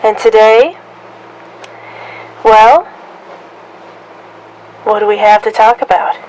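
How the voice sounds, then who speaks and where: A woman's voice: on the high side, fairly even intonation, slow, a little mellow, low-quality recording. A woman hosting a casual paranormal podcast, presenting in a playful, showy way. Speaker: podcast host.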